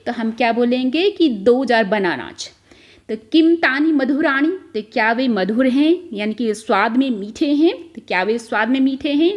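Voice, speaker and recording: A woman teaching a school textbook lesson, explaining each term step by step and often checking in with the listener. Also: on the high side. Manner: explains step by step, repeats "ठीक है" often, mixes in English words.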